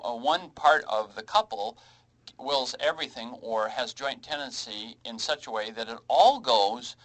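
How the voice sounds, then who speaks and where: A man's voice: medium pitch, a bit bright, rough recording. A man hosting a financial radio talk show, speaking casually with many fillers and restarts.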